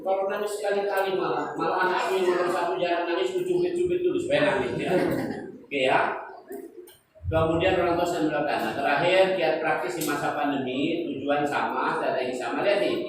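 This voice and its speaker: A man's voice: on the high side, fairly even intonation, a little fast. A middle-aged man with a Palembang accent giving a joking seminar talk to parents and quizzing the audience. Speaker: guest speaker. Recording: very echoey hall, far from the mic, noisy.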